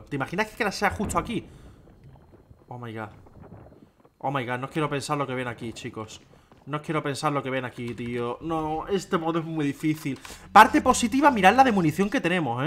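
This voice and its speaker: Excitable young Spanish gaming streamer. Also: male voice, on the high side, normal speed, a little hiss or hum. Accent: Spain Spanish. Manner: excitable, swears, talks to viewers as "chavales". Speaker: gameplay streamer. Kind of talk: casual gaming commentary. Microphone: desk microphone.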